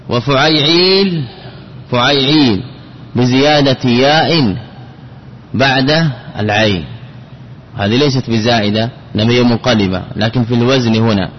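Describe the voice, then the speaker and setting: A man gives a classical Arabic grammar lesson, drilling patterns by repeating words and stretching them out syllable by syllable. His voice carries a long reverb, as if in a large hall. The recording is dull and lo-fi with a faint background hiss. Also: medium pitch.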